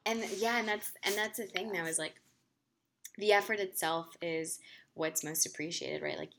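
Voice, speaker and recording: Earnest woman co-host, deep voice with fry. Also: normal speed, fairly bright tone. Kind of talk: casual discussion.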